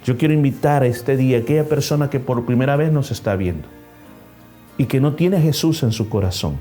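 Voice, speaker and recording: A man's voice: mid-range voice, brisk, mellow. Impassioned male preacher, faint music. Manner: preaching with rising emphasis and numbered points; acts out a story with changing voices. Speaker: pastor. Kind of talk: sermon. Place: church service.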